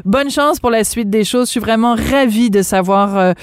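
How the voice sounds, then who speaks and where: A woman hosting a radio interview, chatty and encouraging. Her voice sits a little high and sounds close and dry in the studio. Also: moderate pace, clean tone, no echo. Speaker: radio host.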